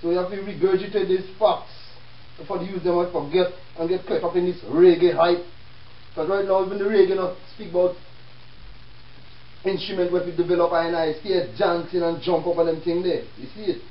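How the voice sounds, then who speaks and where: A man's voice: high voice, flat delivery, a little fast. A man with a Jamaican accent lectures informally in Rastafarian speech, preaching and reasoning with rhetorical questions as a show host. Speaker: self-help show host. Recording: echoey room, distant mic, dull with hiss.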